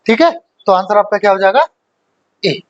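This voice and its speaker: Very high-voiced man teaching grammar. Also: expressive, moderate pace, no echo, muffled recording. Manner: chatty, joking, full of rhetorical questions and checks like "okay?". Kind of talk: live online class, casual Hinglish teaching.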